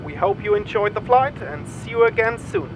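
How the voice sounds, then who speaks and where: A man making a pilot's announcement over the cabin loudspeaker in a formal announcer manner. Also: lively intonation, moderate pace. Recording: engine rumble behind the voice.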